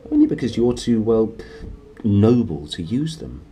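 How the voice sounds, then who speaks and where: A man's voice: fairly low pitch, sing-song, a little slow, mellow, a little hiss or hum, voice pushed up. A man voicing a severe, impatient older woman professor in a children's storybook, prim and clipped. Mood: exasperated, admiring.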